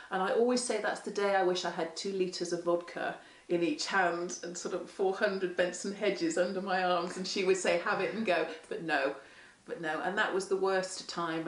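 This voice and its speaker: A hoarse woman, a parent carer, tells her story frankly in a fairly low voice. She sits back from the microphone, so the room rings around her. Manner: frank, candid storytelling that acts out quoted speech. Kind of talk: interview testimony. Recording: echoey room, mic far off.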